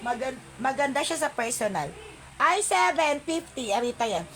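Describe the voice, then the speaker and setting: A woman with a high, expressive voice hosts an online live-selling stream at a moderate pace. She chats with viewers by name, announces item codes and prices, and sprinkles English words into her talk.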